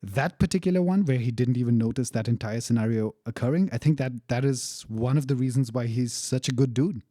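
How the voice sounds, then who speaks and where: A man's voice: medium pitch, fairly quick, warm tone, no room sound, clean studio sound. A young man casually telling a personal story, candid and profane, laughing now and then. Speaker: storyteller recounting a travel experience.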